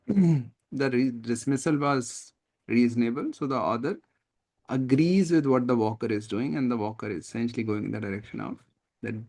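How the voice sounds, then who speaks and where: Using a medium-pitched voice with vocal fry, a test prep tutor with an Indian English accent leads an online class on a video call. He's animated and asks lots of questions, checking understanding often.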